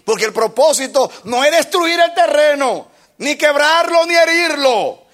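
A man preaching a sermon with passion, swinging between shouts and hushed low passages. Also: expressive, measured pace.

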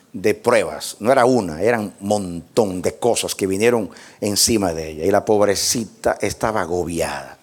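A male pastor preaching a sermon with passion, swinging between shouted lines and hushed asides. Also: fairly low pitch.

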